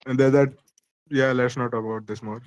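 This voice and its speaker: A man's voice: medium pitch, steady tone, fairly quick, highs cut off. A man from India chatting casually on a voice call, rambling with restarts and swearing. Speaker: discord call participant. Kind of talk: casual chat.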